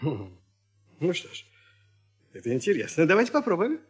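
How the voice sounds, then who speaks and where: A man's voice: fairly high pitch, wildly swooping pitch, moderate pace, slightly rough, faint music behind. A middle-aged man hosting a scripted children's radio comedy as a teacher, lecturing his pupils in a mock-stern, ironic way.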